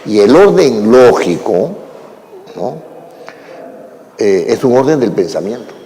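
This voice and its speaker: A male lecturer addresses a class in an unhurried, explanatory manner, checking in with his listeners as he goes. His voice is dark and mellow, and a long reverb trails each phrase as if the room were a large hall. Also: lowish voice, very animated. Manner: unhurried, explanatory, with frequent "¿no?" tags and fillers.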